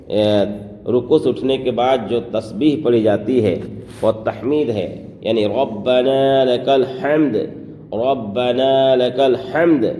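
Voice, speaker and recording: A man teaching how to pronounce prayer phrases, explaining quickly and then reciting each phrase slowly and drawn out. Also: mid-range voice, warm tone. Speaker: religious teacher. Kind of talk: pronunciation lesson on prayer phrases. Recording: echoey room, faint background noise.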